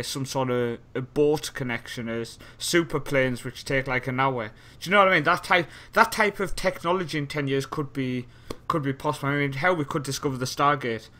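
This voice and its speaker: A man's voice: mid-range voice, moderate pace, pushed and bright. A young man from Europe chats casually as a podcast co-host. He rambles from point to point, jokes around, and laughs often, in an ordinary mid-range voice.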